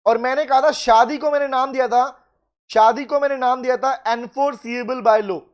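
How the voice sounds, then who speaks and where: A high-voiced man teaching law in a live online class. He mixes in English legal terms and keeps pressing students to reply fast. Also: fairly even intonation. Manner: calls out students by name, urges quick replies. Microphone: video call.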